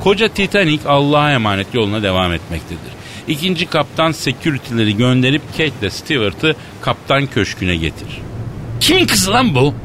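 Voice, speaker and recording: A man's voice: sing-song, fairly quick, a bit bright. A man narrating a comic radio play from a script. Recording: noisy, rumbling background.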